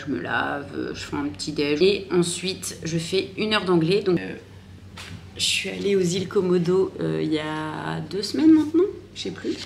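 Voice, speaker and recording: A woman's voice: low-pitched, gravelly, a little hiss or hum. Chatty young Frenchwoman vlogging casually. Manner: chatty and informal, with many fillers. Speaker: vlogger and online fitness coach. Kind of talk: casual vlog chat.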